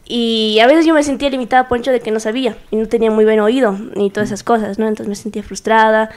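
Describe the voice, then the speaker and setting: A young woman chats casually as a guest, her voice sitting a little high. She tells stories with energy and breaks into quoted dialogue. She laughs often. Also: steady tone, fast, darkish tone. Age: young adult. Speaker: guest musician, violist. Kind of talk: casual chat, storytelling.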